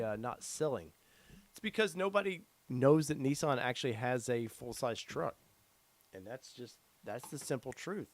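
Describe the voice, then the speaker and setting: With no echo on the recording, a middle-aged man speaks at medium pitch while hosting a casual live stream. This podcast host reads viewer comments aloud in a rambling, filler-heavy way. His voice is getting tired and worn, and he's losing it.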